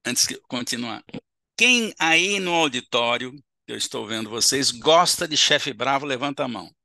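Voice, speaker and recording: A man's voice: medium pitch, animated, moderate pace, vocal fry, pushed and bright, no echo, studio quality. A man giving a seminar lecture in an auditorium, explaining step by step and checking in with the audience with short tag questions.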